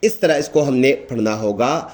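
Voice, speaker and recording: A man with a Pakistani Urdu accent giving a patient recitation lesson, explaining each letter and repeating it slowly and drawn out. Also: medium pitch, lively intonation, darkish tone. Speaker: Quran recitation teacher.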